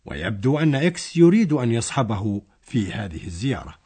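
A man's voice: medium pitch, very animated, brisk, warm tone, husky. A man narrating a scripted language lesson, explaining a dialogue step by step.

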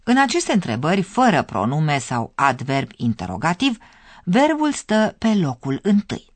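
A narrator giving scripted, measured explanations in a radio language course. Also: mid-range voice, huge pitch swings, dry recording.

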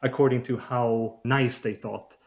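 A man's voice: medium pitch, fairly even intonation, unhurried, darkish tone. Hesitant man explaining research. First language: Swedish. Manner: hesitant, with many fillers and restarts. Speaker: researcher guest. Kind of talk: podcast interview.

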